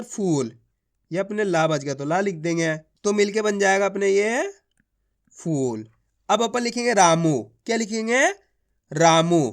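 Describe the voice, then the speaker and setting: A man teaching a beginners' spelling lesson, drawing out each word and asking and answering his own questions. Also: sits high. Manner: drawn-out words, repeats each word to the learner; addresses viewers as friends, asks and answers his own questions. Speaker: Hindi teacher.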